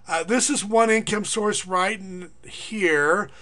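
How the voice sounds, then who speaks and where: A middle-aged man, a schoolteacher, pitching an online income system in a casual, rambling way with many fillers, reading off payment amounts in a quick list. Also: sharp tone. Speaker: online income marketer and teacher. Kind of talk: casual screen-recorded pitch.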